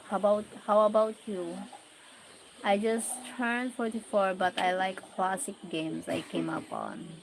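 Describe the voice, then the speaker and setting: A woman's voice: medium pitch, slight background noise, poor audio. A Filipino woman in her forties with a Filipino accent, chatting casually on a livestream, reading out viewer comments and exclaiming often. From Philippines. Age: 40s. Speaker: livestream host.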